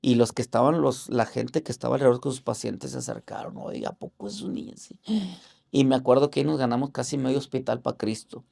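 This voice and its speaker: A man tells his personal faith testimony in an interview. His voice is deeply gravelly and full of fry, at an ordinary middle pitch. He speaks earnestly and haltingly, with religious fervor, and raises his voice to act out what others said. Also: fairly even intonation, mellow. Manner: acts out other people's words in raised voices. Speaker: interview guest.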